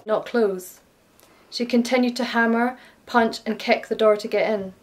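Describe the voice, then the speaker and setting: A woman's voice: on the high side, steady tone, unhurried. A woman, a former care worker, steadily recounting a personal story in first person.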